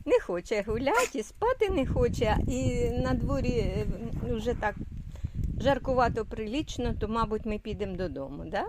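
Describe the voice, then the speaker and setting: A woman's voice: a little high, sing-song, moderate pace, a crowd in the background. An older woman from Ukraine vlogging outdoors, cooing in sing-song baby talk to a toddler and a dog. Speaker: vlogger great-grandmother. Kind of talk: home vlog, talking to a toddler and a dog. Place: outdoors in a windy yard. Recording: loud wind and outdoor noise.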